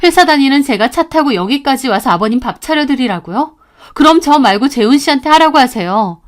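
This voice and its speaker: A woman's voice: high voice, expressive, a little fast. A woman in her thirties narrating her own story as a daughter-in-law, indignant and complaining, acting out the dialogue.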